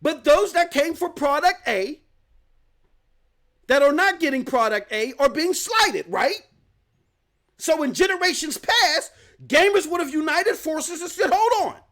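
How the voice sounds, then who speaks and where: A man's voice: very high-pitched, lively intonation, unhurried, pauses often, pushed and bright. A man hosting a live gaming news stream, ranting emphatically with slang and rhetorical questions.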